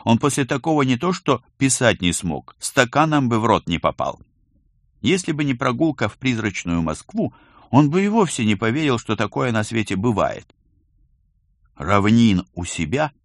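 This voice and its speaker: A man narrating an audiobook in an expressive storytelling manner. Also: mid-range voice, normal speed, no echo, clean studio sound. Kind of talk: scripted narration.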